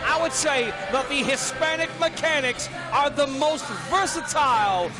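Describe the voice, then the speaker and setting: A man's voice: extremely high pitch, unhurried. A man giving live wrestling play-by-play commentary, emphatic and often raising his voice. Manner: emphatic, often raises voice to a shout. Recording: event music behind the voice.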